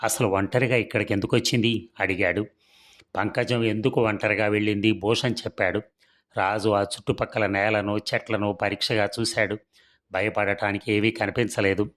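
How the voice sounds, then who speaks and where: Male storyteller, serial story read aloud, steady, low voice. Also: normal speed.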